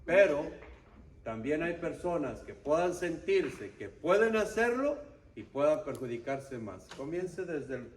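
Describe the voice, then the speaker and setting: A man's voice: on the high side, big pitch swings, unhurried. A man teaching a church prayer group, instructive and often checking that listeners follow. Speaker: lay instructor of an intercession ministry. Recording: distant mic, faint background noise.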